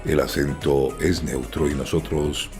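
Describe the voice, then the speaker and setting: Interviewee, very deep male voice, measured and thoughtful, light music bed. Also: level tone, a little mellow. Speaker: dubbing professional. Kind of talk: interview answer.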